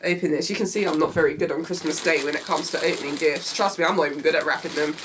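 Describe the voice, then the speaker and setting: A young female fashion vlogger with a low, nasal voice talks fast through an unboxing and try-on video in a small room. She's enthusiastic and chatty, narrating each item she handles, with background noise audible.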